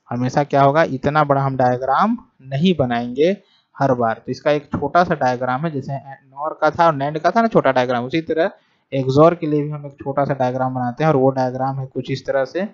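A male teacher giving a lesson, dictating definitions word by word and often checking that students follow. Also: medium pitch. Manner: dictates definitions slowly word by word, repeating phrases; checks understanding with frequent "ठीक है" and "समझ में आया". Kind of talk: whiteboard lesson on logic gates. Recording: dull lo-fi recording.

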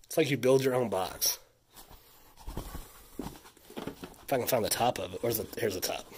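This vlogger, a man in his thirties congested with a sinus infection, talks through his haul indoors in a mid-range, somewhat mellow voice at a moderate pace. There's a faint hiss or hum on the recording. His talk is casual and chatty; he gets impressed easily and slides into rants.

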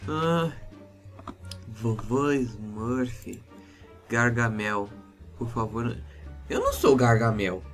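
A man with a Brazilian Portuguese accent narrating a Minecraft role-play in an excitable, exclamatory way. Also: mid-range voice, drawn-out words, long pauses, faint music behind. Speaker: gamer YouTuber.

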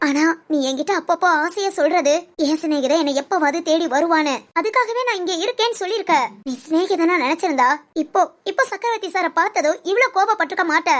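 A woman voices a caring older woman friend in a storybook drama, speaking in a very high voice. She coaxes and presses insistently, refusing to let the matter drop. She talks like an elder who feels entitled to speak her mind. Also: fast, few pauses. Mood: probing. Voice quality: coaxing, insistent. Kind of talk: audio story role-play.

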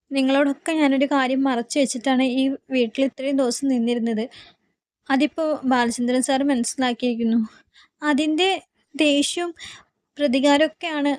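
Woman voicing a young woman, remorseful, pleading, high-pitched, dry. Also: darkish tone, no echo, close to an everyday voice. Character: young woman, guilt-ridden and desperate to leave.

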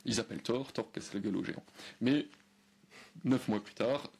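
Gravelly, husky man explaining casually. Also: mid-range voice, normal speed, a little mellow. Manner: hesitant, many fillers and restarts. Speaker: guest historian. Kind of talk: conversational explanation.

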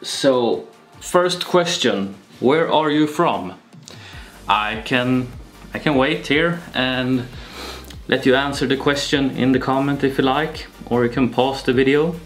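A young man with a Swedish accent, talking slowly and casually to camera in a home vlog, with many pauses and fillers. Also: medium pitch, faint music behind. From Sweden. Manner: slow and relaxed, with frequent pauses and fillers. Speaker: YouTuber. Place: small home room with shelves, indoors. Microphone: camera-mounted shotgun mic.

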